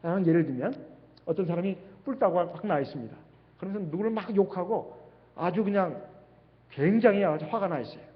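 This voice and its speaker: A pastor with a high-sitting voice preaches a sermon fairly quickly in a church sanctuary, posing rhetorical questions along the way. The livestream audio sounds dull and carries a long hall reverb.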